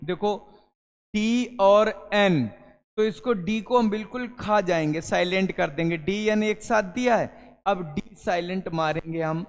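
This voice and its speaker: High-voiced man teaching. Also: a little slow, clear, resonant tone, in a large hall. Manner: addresses students as "beta", asks and answers his own questions. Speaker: English teacher. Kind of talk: classroom lesson to students.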